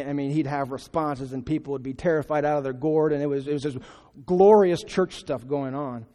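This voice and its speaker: A man delivers a sermon in a mellow, darker voice at an ordinary pitch. He speaks conversationally and haltingly, often restarting his phrases. His voice carries a long reverb from a large hall. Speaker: pastor.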